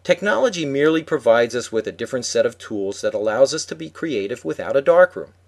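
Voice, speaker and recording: A man's voice: medium pitch, animated, fast talker, creaky. A man co-hosting a podcast, reading a prepared script in an instructive way. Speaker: podcast co-host.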